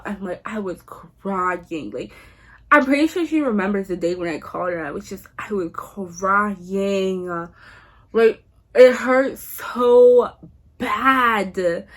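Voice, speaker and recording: A woman's voice: mid-range voice, fairly bright tone. A young woman vlogger telling a breakup story in a casual, emphatic way, full of slang and swearing.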